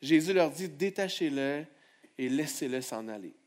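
A male pastor preaching a sermon, moving from hushed prayer to loud exclamations and calling on the congregation to respond. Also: a little high, expressive, normal speed.

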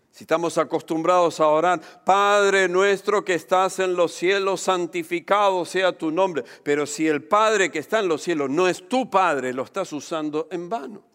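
A man preaching a sermon as pastor, emphatic, slowing down to stress key phrases. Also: fairly high pitch, a bit bright. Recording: long hall reverb.

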